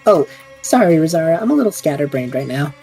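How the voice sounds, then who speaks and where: A woman with a low voice talks fast as she performs a reckless, eager young male adventurer who jokes his way through danger in a fan audio drama. Her delivery is excited and excitable, with faint music in the background.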